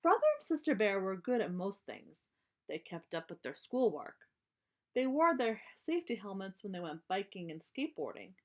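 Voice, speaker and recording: A woman reads a children's storybook aloud with lots of expression, stopping to explain words simply and emphatically for young listeners. Her mid-range voice is very animated.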